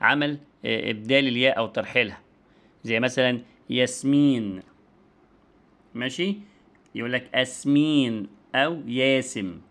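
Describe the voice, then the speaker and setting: A man's voice: mid-range voice, moderate pace, pauses often, fairly bright tone. A man with an Egyptian Arabic accent giving an online lecture and demonstrating speech sounds as he explains.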